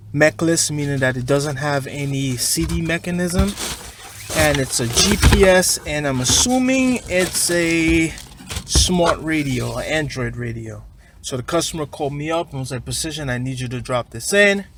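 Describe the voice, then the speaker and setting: A car audio installer presents an unscripted, hands-on installation tutorial, chatting informally through each step as he works. His voice is on the high side with a fairly bright tone, and the noisy recording picks up clicks and the handling of parts.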